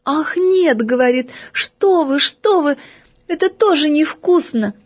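A shy little creature girl who speaks in a thin, very high voice, as a woman reader puts her on. She gives short, plain answers with a lively rise and fall. It is a storybook reading. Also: a little slow. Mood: coy. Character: tiny timid creature girl, shy and hungry.

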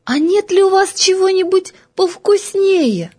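A woman voicing a tiny, timid creature girl with a thin, high little voice in a storybook reading. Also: animated, unhurried, darkish tone. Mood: coy. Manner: plain, shy, short answers.

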